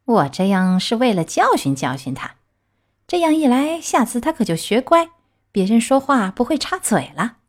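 A cruel, cunning cat speaks in a high, smug voice, preachy and self-satisfied, as a woman reading a storybook puts him on. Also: big pitch swings, moderate pace. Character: cruel, cunning male cat feigning blindness.

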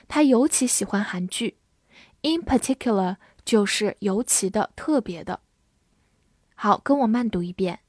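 A woman teaching English vocabulary in a lesson, spelling words letter by letter and reading example sentences slowly for listeners to repeat. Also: fairly high pitch, darkish tone, dry recording, studio quality.

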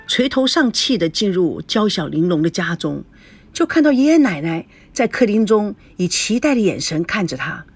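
A woman narrating a serialized audiobook novel in a slow, measured storytelling voice. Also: medium pitch, sing-song, faint music behind.

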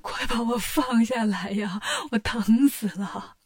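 A woman's voice: on the high side, steady tone, a little mellow. A woman voicing a timid, tearful old monk in a children's story. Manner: tearful and pleading, slow.

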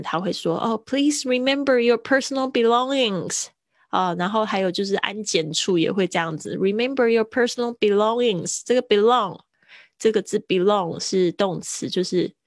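Woman teacher on a livestream, lowish gravelly voice, super dry sound, chats along and stretches out the english words. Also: dry recording. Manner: mixes English words into Chinese explanations, chatty; laughs easily, drawn-out word drills. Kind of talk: livestream vocabulary lesson.

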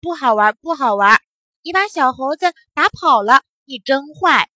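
A woman's voice: high-pitched, expressive, normal speed, sharp tone, dry recording. Woman voicing reproachful chanting children. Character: chorus of young children, disapproving.

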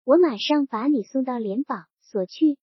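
A domineering, half-drunk middle-aged landlord barks orders and mocks the boy in front of him, voiced by a woman narrator. His lines come out gruff and scornful, though the voice sits high and a little husky. The storybook recording is dull and dry. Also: moderate pace, dry recording. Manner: gruff, mocking and bossy.

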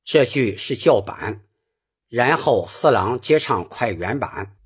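A man teaches Peking opera singing at an unhurried pace, patiently explaining each phrase before he sings it. His voice is a little husky, and his pitch moves freely as he explains. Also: expressive. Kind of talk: spoken singing lesson.

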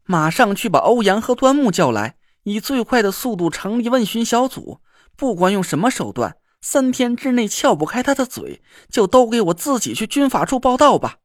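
A man voicing a stern middle-aged military commander who gives brisk orders. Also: sits high, animated, dry recording, studio quality, pitched above the performer's own voice. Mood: commanding. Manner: brisk, commanding, a bit louder.

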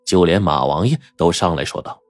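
A man narrating a first-person adventure audiobook in a dramatic, animated manner. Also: low voice, brisk, no echo.

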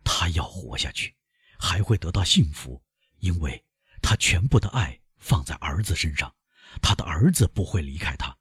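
A man's voice: low-pitched, expressive, normal speed, husky, no echo, clean studio sound, full character voice. A man voicing an anguished, guilt-ridden middle-aged male prosecutor in an audiobook, with frantic, self-accusing outbursts. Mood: brooding resolve. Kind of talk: audiobook character voice.

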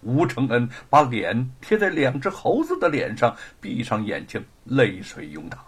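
A man narrating a traditional Chinese story with dramatic, lively delivery. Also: medium pitch, normal speed, husky.

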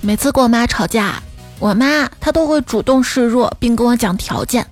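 A woman podcast host with a fairly high, expressive voice tells comic stories at a moderate pace over soft background music. She's playful, laughs often, and acts out the people in her jokes.

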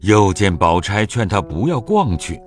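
A man narrating a classic story in an audio drama with a lively storytelling manner. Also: fairly low pitch, measured pace, soft background music.

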